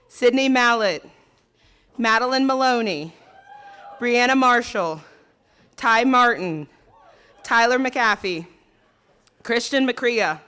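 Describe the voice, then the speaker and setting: A woman's voice: on the high side, bright, forceful tone. A woman announcing at a closing ceremony, reading names in a chatty way and poking fun at herself when she stumbles over them.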